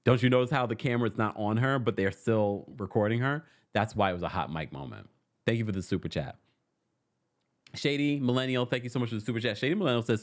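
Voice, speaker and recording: A man hosting a live-stream recap, reading fan messages aloud and riffing in a sassy, laughing way. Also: lowish voice. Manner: sassy, animated, laughs often. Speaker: recap show host.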